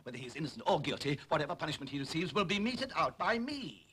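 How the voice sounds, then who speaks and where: An actor playing a stern, formal naval officer presiding over a court. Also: male voice, a little high, sing-song, fast, noisy background. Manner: formal, stern, easily flustered. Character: pompous senior male naval officer.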